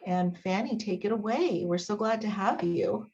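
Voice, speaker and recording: Woman host introducing a guest on a muffled call. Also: mid-range voice. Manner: warm filler-laden reading, with um pauses. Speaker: meeting host introducing a speaker. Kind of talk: reading a speaker introduction. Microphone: video call. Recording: dull lo-fi video call audio.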